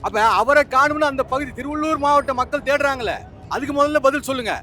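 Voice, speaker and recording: A very high, bright male voice argues quickly and indignantly, piling up rhetorical questions. A faint music bed runs under the commentary. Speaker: political commentator. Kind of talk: argumentative commentary.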